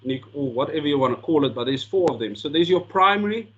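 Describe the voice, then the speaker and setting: A sport coaching lecturer from South Africa, whose first language is Afrikaans, gives an earnest talk with slides, often repeating words as he restarts sentences. His voice is fairly high and breathy-edged, with lively intonation and a quick pace. The sound is lo-fi.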